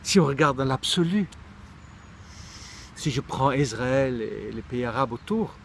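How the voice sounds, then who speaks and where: A man's voice: medium pitch, lively intonation, measured pace, gravelly, a little hiss or hum. Thoughtful middle-aged man, from Israel. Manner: thoughtful, searching for words, frequent restarts. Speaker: speaker sharing personal reflections. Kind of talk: reflective monologue.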